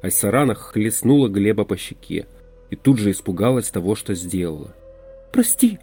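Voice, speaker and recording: Male narrator for a novel, expressive and warm-toned. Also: lowish voice, brisk, husky, soft background music. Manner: expressive storytelling. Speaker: audiobook narrator. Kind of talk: scripted narration.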